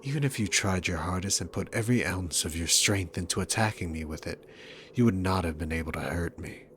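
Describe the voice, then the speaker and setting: Speaking low, fairly quickly and a bit brightly, a man plays a dominant, sarcastic demon king in an ASMR roleplay. He addresses the listener with amused, mocking, theatrical condescension over slight background noise.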